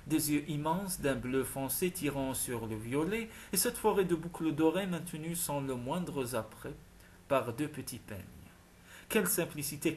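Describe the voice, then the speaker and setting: A man in measured storytelling narration, reading a romance audiobook. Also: a little high, slight background noise. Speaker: audiobook reader. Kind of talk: scripted narration.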